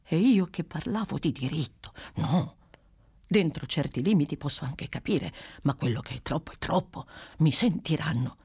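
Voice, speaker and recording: A woman reads a small, bony aging schoolteacher who confides in a husky near-whisper. Her tone is warm and mellow, and she turns wry and indignant about being watched over. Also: low voice, animated, normal speed, exaggerated voice. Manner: hushed, often whispered asides.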